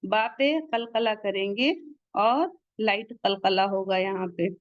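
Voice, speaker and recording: A woman teaching the rules of Quran recitation, slowly sounding out each word and then explaining how to pronounce it. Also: mid-range voice, no echo, highs cut off. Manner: slow, deliberate, drawn-out recitation of each word.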